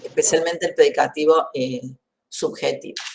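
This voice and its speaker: A woman's voice: deep voice, steady tone, normal speed, vocal fry, a little mellow. A woman teaching a university grammar class online. She explains methodically, works through examples and checks that students understand. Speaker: grammar lecturer. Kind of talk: university lecture.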